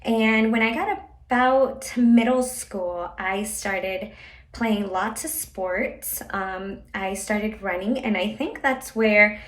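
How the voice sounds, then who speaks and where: A woman's voice: medium pitch, slow pace. Woman from el salvador sharing her story, friendly, kinda echoey room sound. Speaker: guest speaker. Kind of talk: personal story talk.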